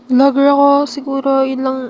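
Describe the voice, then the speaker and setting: An excitable young woman vlogger narrates her horror game role-play, swinging from quiet asides to sudden yelps. Her voice is high, and faint noise sits behind it. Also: moderate pace.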